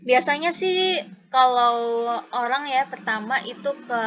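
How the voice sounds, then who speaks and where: A woman with a high, clear, bright voice gives a casual one-on-one lesson, walking through each point patiently and repeating examples. She is heard over a video call. The sound is a little muffled and lo-fi. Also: a little slow, slight background noise. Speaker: Mandarin tutor.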